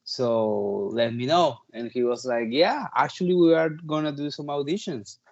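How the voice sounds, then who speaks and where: A chatty Peruvian interview guest in his thirties, a touring drummer and native Spanish speaker, talks casually and fills his speech with "like" and "you know." His mid-range voice is creaky and a little mellow at a normal speed, on dull audio.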